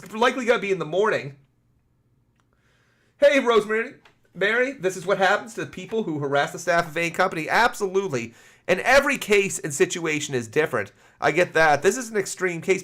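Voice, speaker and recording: A man's voice: sits high, a bit bright. A Canadian man giving casual, sarcastic live-stream commentary, swearing freely and greeting chat viewers by name. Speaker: gaming streamer.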